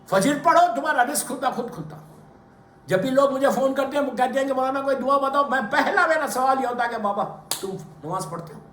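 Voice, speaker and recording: A man's voice: extremely high pitch, bright, forceful tone. A man preaching a sermon at a memorial gathering, emphatic and repeating his phrases, with English words mixed in. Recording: echoey room with faint noise.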